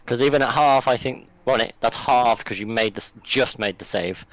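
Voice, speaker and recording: A man as game master giving brisk rulings with frequent restarts. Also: mid-range voice, low-quality recording. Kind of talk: running a tabletop game over a call.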